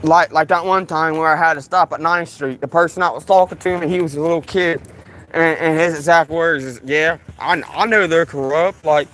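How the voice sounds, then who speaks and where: A man's voice: on the high side, fairly even intonation, fairly quick, fairly bright tone, slight background noise, low-quality recording. A man vlogging outdoors on a hot day, sweating and talking in a casual, repetitive ramble full of restarts. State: sweating in the heat. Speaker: vlogger filming police in his town.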